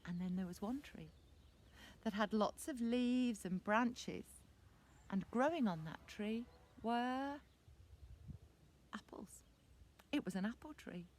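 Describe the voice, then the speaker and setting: A woman telling a children's story, lively and asking the little ones questions. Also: fairly high pitch, unhurried.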